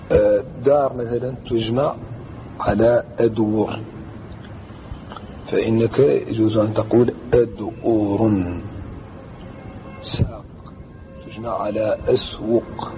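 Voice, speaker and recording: A man teaching a traditional Arabic grammar lesson, explaining slowly and deliberately and chanting lines of verse as he repeats them. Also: lowish voice. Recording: dull lo-fi recording with faint background noise.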